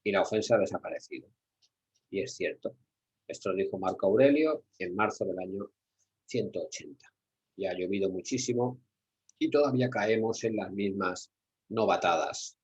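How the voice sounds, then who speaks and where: Spanish guy teaching security guards, kinda low husky voice, asks himself questions and answers them. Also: normal speed, a little mellow, rough recording. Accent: Spanish from Spain. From Spain. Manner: didactic, repeats key words, asks rhetorical questions. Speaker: security trainer. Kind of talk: workshop lecture.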